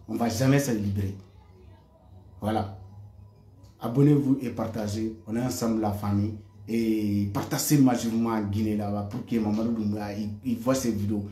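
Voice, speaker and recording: In a reverberant space, a man from West Africa rants passionately to his audience as an online commentator, his mid-range voice carrying a dark tone. The speech is heated and repetitive, and he frequently stammers over repeated words.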